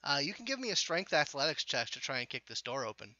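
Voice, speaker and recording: A man's voice: fairly high pitch, sing-song, fast, pushed and bright, no room sound. A man narrating as game master for a tabletop game, talking with many fillers and restarts. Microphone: video call. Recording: muffled, lo-fi online call.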